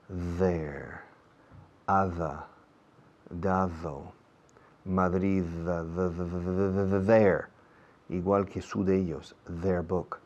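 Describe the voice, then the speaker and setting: Slow deep-voiced male English teacher. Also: a little mellow. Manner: drills repeated phrases slowly, exaggerating pronunciation. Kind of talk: classroom explanation. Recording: dull lo-fi recording.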